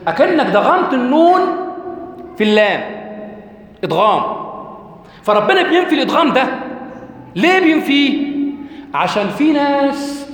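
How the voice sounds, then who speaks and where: Animated Egyptian man lecturing in an echoey hall. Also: very high-pitched, moderate pace, pauses often. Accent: Egyptian Arabic. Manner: questions the audience and answers himself, animated. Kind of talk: religious lecture.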